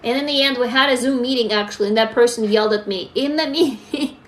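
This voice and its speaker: A young woman talks frankly into her phone on a live stream, answering viewers' comments as they come in. Her voice sits a little high for a woman, and she speaks in a casual, open, unscripted way. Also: fast, a little hiss or hum. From Russia. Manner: candid, talks straight to viewers, reads comments aloud. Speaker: livestream host.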